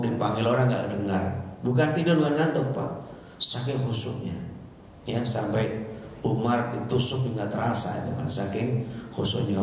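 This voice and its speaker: Male preacher, playful and animated, recorded live in a very echoey mosque hall. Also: mid-range voice, far from the mic, slight background noise. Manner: lively, jokey, acts out little scenes and asks the audience questions. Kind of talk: sermon to a live congregation. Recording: very echoey hall, faint ambience.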